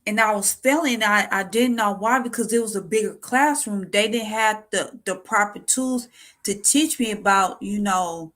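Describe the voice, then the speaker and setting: A woman's voice: mid-range voice, a bit bright. A young woman speaks to her viewers in a personal, confessional vlog. She stops and restarts, repeating words as she tries to get them out. Her voice is close to tears. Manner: halting, repeats words, emotional. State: near tears. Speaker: vlogger.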